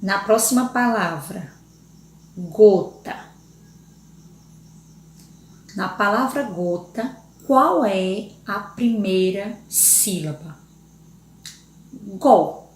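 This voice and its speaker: Speaking Brazilian Portuguese to young children, a woman teacher patiently spells out letters and syllables and often checks in with the class. Her mid-range voice is a bit bright, slow and with few pauses, heard in an echoey room.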